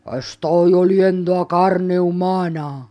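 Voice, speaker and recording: Woman putting on a booming slow giant. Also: steady tone, mellow. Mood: menacing. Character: booming male giant who smells humans.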